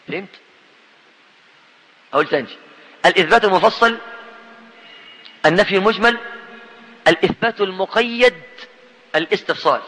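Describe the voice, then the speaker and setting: A man with an Egyptian Arabic accent gives a teaching sermon with a bright, forceful voice and a high pitch. He drives his points home emphatically, repeating them and checking that his listeners follow. His voice rings out with a long hall reverb. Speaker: preacher.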